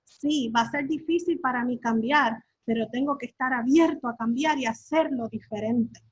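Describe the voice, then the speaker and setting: Earnest high-voiced woman on a call. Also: normal speed, breathy edge, no room sound, lo-fi sound. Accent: Latin American Spanish. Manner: earnest, with many fillers and tag questions. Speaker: workshop speaker.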